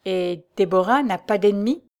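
A woman's voice: medium pitch, moderate pace, darkish tone, natural voice. A woman reading the part of a young nobleman, ardent and pleading, pressing with urgent questions.

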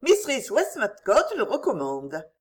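A woman voicing a calm, earnest young woman, the eldest daughter, speaking matter-of-factly in a storybook reading. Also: mid-range voice, unhurried.

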